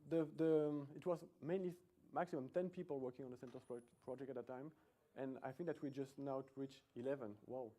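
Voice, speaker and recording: This middle-aged Belgian speaker, with his Belgian accent, talks fairly quickly in a steady, dark, mid-range voice. He's giving a chatty, self-deprecating conference talk in a lecture room, and he often restarts what he's saying.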